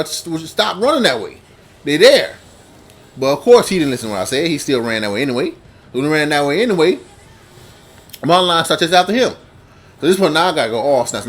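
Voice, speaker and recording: A man casually telling a long personal story to camera, rambling and repeating himself, with sudden jumps in pitch and loudness. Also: slight background noise.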